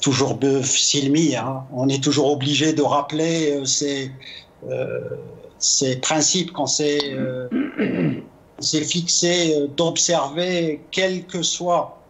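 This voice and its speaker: A man speaking as a guest consultant in a political interview, formal and measured with hesitant starts. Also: fairly high pitch, steady tone, slight background noise.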